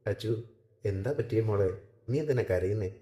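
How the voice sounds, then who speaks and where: A man voicing a worried middle-aged mother who coaxes her daughter in a low, mellow voice, recorded in an echoey room. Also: moderate pace, lightly acted. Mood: worried, pleading.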